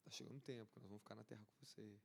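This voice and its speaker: A man with a Brazilian Portuguese accent preaching a charismatic sermon as an apostle, fervent and repetitive, rising to excited peaks. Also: on the low side, rapid-fire, creaky, a little hiss or hum.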